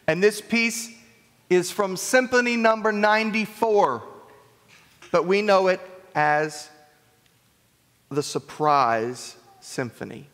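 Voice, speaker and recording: A man's voice: high voice, takes it slowly, long pauses, a bit bright. A man giving a children's message in a church sanctuary, playful and asking the children many questions. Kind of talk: children's sermon. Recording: echoey church hall reverb.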